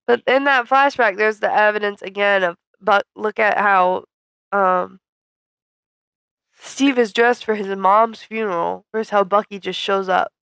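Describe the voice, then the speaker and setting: A female podcast co-host recapping a film with wry, teasing humor. Her voice is at an ordinary pitch for a woman, with a gravelly fry running through it. The sound is dry and close to the mic. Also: unhurried, a bit bright, no room sound. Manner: wry, teasing, sarcastic asides. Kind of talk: casual movie review chat.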